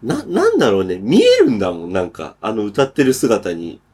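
A young man with a husky voice chats casually and answers quickly. His pitch swings widely and he speaks at a brisk pace. He reacts playfully and often breaks into laughter. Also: wildly swooping pitch, a little mellow. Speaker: podcast co-host. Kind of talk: casual chat.

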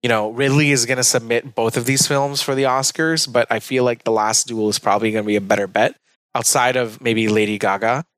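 A man hosting a casual movie chat, chatty and steering the talk with quick asides. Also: mid-range voice, fairly even intonation, fairly bright tone, dry recording. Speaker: podcast host.

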